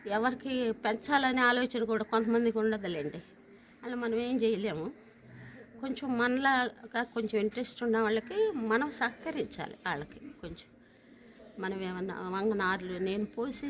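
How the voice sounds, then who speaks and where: A middle-aged woman with an Andhra Telugu accent gives an earnest, encouraging talk at a garden group meet, pausing often and restarting her sentences. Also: a little high. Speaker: garden group member giving a speech. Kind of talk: informal speech at a garden meet. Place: home terrace garden, outdoors. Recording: noisy outdoor ambience.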